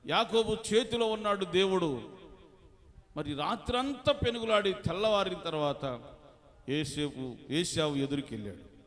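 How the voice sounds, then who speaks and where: Pastor preaching in an echoing church hall. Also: male voice, sits high, lively intonation, measured pace. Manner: calls out to the congregation for hallelujahs and clapping; swings between soft asides and loud proclaiming. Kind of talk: fasting prayer sermon. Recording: long church hall reverb.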